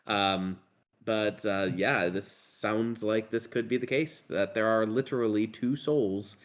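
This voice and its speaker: A man's voice: on the low side, steady tone, unhurried. A man playing a tabletop game, casually thinking aloud about the story's lore. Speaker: player.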